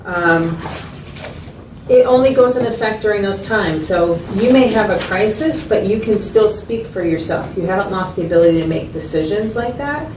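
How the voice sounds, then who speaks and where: A woman with a mid-range, expressive, natural voice speaks at normal speed, playing a patient, methodical mental health clinician in a role-played consultation. She explains things and checks understanding with questions, sounding patient and explanatory. The recording is echoey, from a distant mic in a noisy room.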